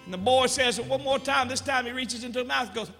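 A man spins folksy jokes in a rambling, drawn-out manner, his voice high and sharply bright. The sound fills an echoing hall, with a guitar played softly behind. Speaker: comedic storyteller. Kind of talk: live stand-up joke telling.

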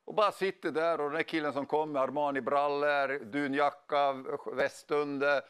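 A middle-aged man preaching a sermon, telling stories in an animated way with casual slang. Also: a little high, clear, resonant tone. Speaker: pastor. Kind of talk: sermon with storytelling.

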